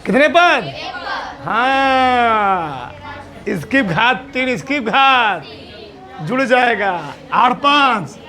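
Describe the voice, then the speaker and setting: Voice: mid-range voice, big pitch swings, extremely slow, long pauses, bright, forceful tone, some chatter behind. A teacher giving a classroom maths lesson, asking the students question after question in a coaxing, teasing way.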